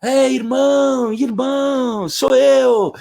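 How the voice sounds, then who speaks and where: A man voicing a panicked young traveler, pushing his voice up into shrill, desperate yelling for help. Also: lively intonation, a little fast, husky.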